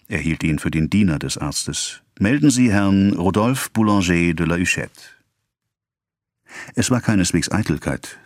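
Deep male narrator, steady measured read, dry booth sound. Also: no echo. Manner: even, measured reading. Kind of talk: scripted audiobook narration.

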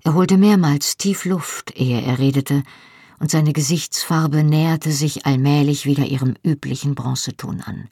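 An audiobook narrator telling a novel in the first person with steady storytelling. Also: mid-range voice, measured pace, husky, no echo, studio quality.

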